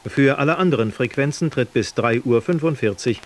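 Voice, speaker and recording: A man reading a formal, measured AM radio continuity announcement as a station announcer. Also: medium pitch. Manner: measured, formal enunciation of frequency lists. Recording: noisy archival AM radio broadcast.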